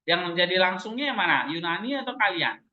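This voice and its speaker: A man's voice: high voice, sing-song, fast, crowd noise. A man teaching a grammar lesson, quizzing his class with frequent "eh" fillers. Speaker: Greek language teacher. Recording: roomy, dull classroom recording.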